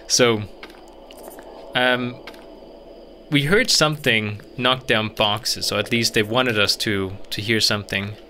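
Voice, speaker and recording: A man's voice: on the low side, sharp tone, slight background noise. A man giving casual let's play commentary as a gaming streamer, thinking aloud in a chatty, rambling way.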